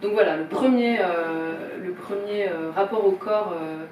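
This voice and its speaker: At a film shop event room with people present, a woman informally introduces a filmmaker, sounding hesitant and apologetic and restarting often. Her mid-range voice is a little mellow and measured in pace. The recording is roomy, from a distant mic, with faint noise.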